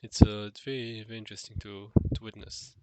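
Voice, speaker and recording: Talking fast in a lowish, level voice, a nasal-sounding vlogger muses alone to the camera without a script. The recording is very noisy, and his speech is hesitant, filled with fillers and restarts.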